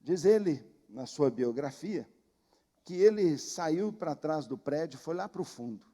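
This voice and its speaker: High-voiced Brazilian preacher in a ringing hall. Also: male voice, expressive, unhurried, dark tone. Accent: Brazilian Portuguese. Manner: emphatic storytelling, repeating phrases. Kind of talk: sermon. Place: church.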